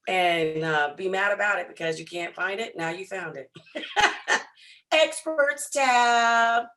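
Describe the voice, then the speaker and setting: A hoarse man who has lost his voice coaches traders on a live stream, speaking to viewers in an energetic, hype-filled style. His voice is high-pitched and he takes it slowly.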